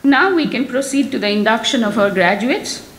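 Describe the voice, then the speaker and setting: Casting note: female emcee with a high voice, formal announcer, echoey hall sound. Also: expressive, normal speed, a faint crowd, slight background noise. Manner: formal, announcing names and titles. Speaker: ceremony emcee. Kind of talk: formal introductions. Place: ceremony hall.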